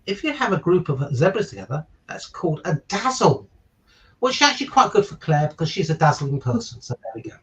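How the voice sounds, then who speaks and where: This stand-in reader works through a children's picture book with a sing-song, slightly bright voice on the high side, going a little fast and tossing in chatty comments and questions. The audio is poor, caught from a distance on a virtual call with him away from the microphone.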